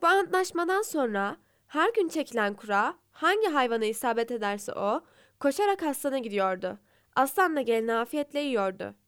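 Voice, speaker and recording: A woman calmly narrating fables in a scripted storytelling style. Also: high voice, smooth, no room sound, studio quality.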